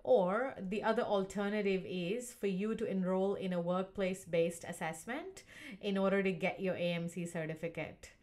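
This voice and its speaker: A woman from Uganda who hosts her own channel, explaining a career process in a clear, earnest and steady way. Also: medium pitch, moderate pace. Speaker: channel host and doctor coaching for medical exams. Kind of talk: explanatory talk to camera.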